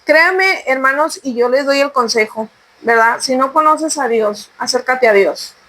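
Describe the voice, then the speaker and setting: A woman with a high, light voice talks through her own story in a relaxed podcast chat. She speaks earnestly and turns to the listener with heartfelt urging. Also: unhurried, low-quality recording. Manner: earnest, exhorting listeners directly. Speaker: podcast co-host sharing testimony. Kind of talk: conversational faith testimony.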